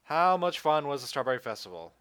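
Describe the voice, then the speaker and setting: Animated, bright-voiced podcast host man. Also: a little high, brisk, smooth, no room sound, studio quality. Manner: laughs often, swears casually. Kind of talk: casual podcast chat.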